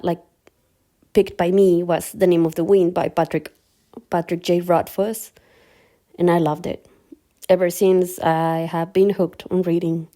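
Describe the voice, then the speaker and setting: A young Mexican woman, a native Spanish speaker with a Mexican Spanish accent, introduces herself in her first casual video as a new book vlogger. She speaks slowly and carefully, restarting hesitantly at times, in a lowish, mellow voice.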